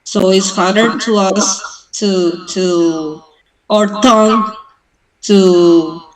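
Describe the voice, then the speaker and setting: Woman, Mexican Spanish accent, slow, halting speech, lots of uh and restarts, video call. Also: mid-range voice, steady tone, crowd noise, poor audio. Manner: hesitant, many fillers and restarts. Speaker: club member. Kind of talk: casual online conversation.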